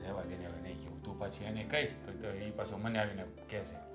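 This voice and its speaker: A man's voice: on the low side, steady tone, quick pace, over music, lightly acted. An actor playing a frustrated elder brother and husband who complains about his family and bickers with his wife. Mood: grumbling. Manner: complaining, teasing banter. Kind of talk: family drama acting.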